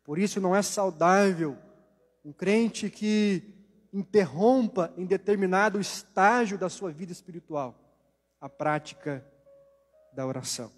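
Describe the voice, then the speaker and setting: A man preaching a sermon with a Brazilian Portuguese accent, delivering slow deliberate phrases that trail off softly at their ends. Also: high voice. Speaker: pastor. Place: church hall. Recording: long church hall reverb.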